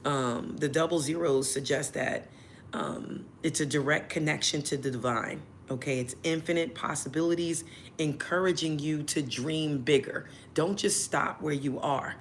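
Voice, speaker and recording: A woman whose voice is still hoarse, hosting a tarot livestream in a chatty way and checking in with her listeners often. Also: low voice, moderate pace, slight background noise. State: hoarse, recovering voice. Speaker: tarot reader and channel host.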